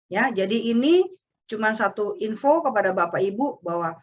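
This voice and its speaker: A woman's voice: mid-range voice, moderate pace, dull audio. A middle-aged woman with an Indonesian accent, speaking casually and animatedly as a parenting webinar speaker. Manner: chatty, animated storytelling with acted quotes. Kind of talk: casual talk. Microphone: webinar microphone.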